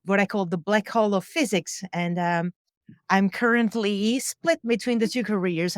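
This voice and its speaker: A lowish female voice, recorded at studio quality with no echo, comes from a European guest who works as a musician and sound engineer. Speaking from her home studio on a boat, she is casual and chatty, with many fillers and little laughs.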